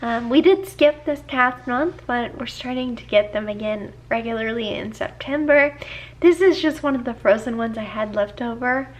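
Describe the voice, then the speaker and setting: High-voiced woman vlogging in an echoey room. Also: normal speed. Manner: chatty, explains each step to viewers. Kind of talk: casual vlog walkthrough. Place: at home, narrow laundry room and kitchen.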